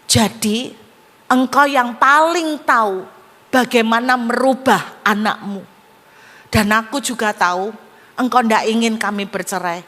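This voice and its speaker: A woman voicing a patient young wife who prays gently, in a long church hall reverb. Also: a little high, a little slow. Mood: pleading.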